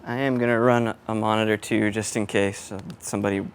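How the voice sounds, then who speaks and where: Speaking briskly in a lowish voice with a flat delivery, a man sets up sound gear indoors at a print shop for a casual vlog. He's offhand and often mutters to himself as a sound engineer would, and the room ambience and background noise come through clearly.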